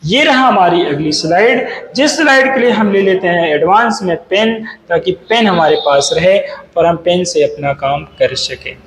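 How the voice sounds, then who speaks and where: A man's voice: high-pitched, lively intonation, normal speed, crowd noise. A young man teaching exam vocabulary, quizzing students in a sing-song way and mixing Hindi with English words. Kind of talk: exam-prep lesson going through slides. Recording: echoey room with faint noise.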